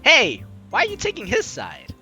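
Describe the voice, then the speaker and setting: Here the let's play host speaks high-pitched and sharp, with huge swings in pitch at a normal speed. She gives the narration and character lines a hammy, playful reading, adding ad-libbed asides. Game music sits behind her voice.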